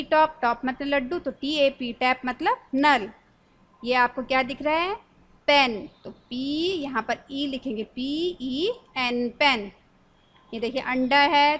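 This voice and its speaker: A woman's voice: high voice, fairly bright tone. A woman teacher leading a spelling lesson for young children, spelling each word out letter by letter and asking the class questions. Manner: slow, spells words letter by letter.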